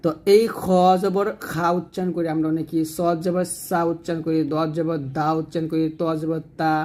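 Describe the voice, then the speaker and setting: A man teaches Arabic letter pronunciation for Quran reading. He explains patiently and repeats himself, then draws each letter sound out slowly to demonstrate it. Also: a little high, level tone, a little mellow. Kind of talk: tajweed lesson on letter pronunciation.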